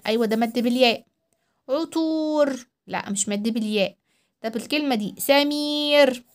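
An Egyptian primary school teacher with a high, fairly bright voice leads a children's reading lesson, stretching out syllables for young learners. She speaks with an Egyptian Arabic accent. It's a voice-over recorded at home.

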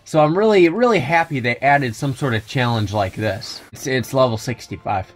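A man's voice: mid-range voice, moderate pace, soft background music. A young adult man giving wry, joking commentary over a video game, often chuckling at his own asides. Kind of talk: let's play commentary.

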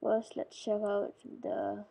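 The commentary on this game tutorial is casual and wandering, marked by fillers, whispered or mumbled bits and constant self-correction. The medium-pitched voice is creaky, dark and breathy, spoken slowly in a completely flat way, and the audio is poor.

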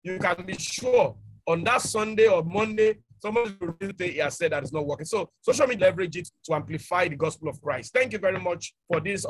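A man's voice: high-pitched, fast. A man, speaking emphatically on an online panel and repeating his key points. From Nigeria.

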